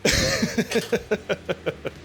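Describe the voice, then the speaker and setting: Animated man chatting on a cooking stream. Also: extremely high pitch, drawn-out words, a little hiss or hum. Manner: animated, laughs often, swears casually. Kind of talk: casual live-stream chat.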